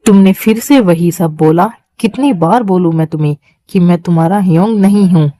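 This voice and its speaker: A woman's voice: fairly low pitch, normal speed, mellow, no echo, natural voice. A woman voicing a possessive, menacing young man in a Hindi fan-dub drama, commanding and controlling. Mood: cold.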